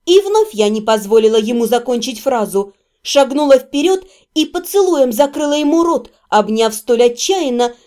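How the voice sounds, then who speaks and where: High-voiced woman reading a fantasy audiobook. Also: warm tone. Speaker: audiobook narrator. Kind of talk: first-person fantasy narration.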